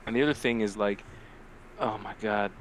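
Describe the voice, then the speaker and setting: A podcast co-host with a lowish voice speaks at normal speed, trading casual, jokey banter about weird news, heavy on slang and swearing. The audio is poor, with a little hiss or hum.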